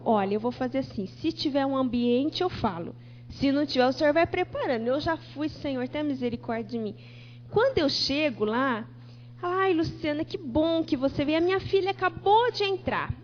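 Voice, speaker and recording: High-voiced woman preaching a lively testimony. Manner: animated storytelling, acting out dialogue. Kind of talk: testimony sermon. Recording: dull church TV recording with faint hum.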